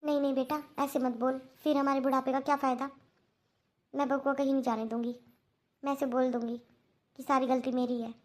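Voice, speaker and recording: A woman's voice: high voice, flat delivery, brisk, pauses often, a little mellow, natural voice. A woman voicing an older mother-in-law in a cartoon, a stern woman who turns remorseful. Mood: alarmed. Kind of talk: Hindi cartoon dubbing.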